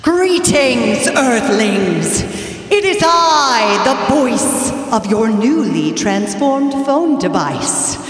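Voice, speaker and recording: A woman's voice: fairly high pitch, very animated, very slow, heavily acted. Echoey robot phone voice, woman doing a bossy alien machine overlord, big long reverb, bit of music behind. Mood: grandiose. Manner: sassy, grandiose, taunting. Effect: echoing robot-like phone voice. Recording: heavy echo, long reverb, faint music.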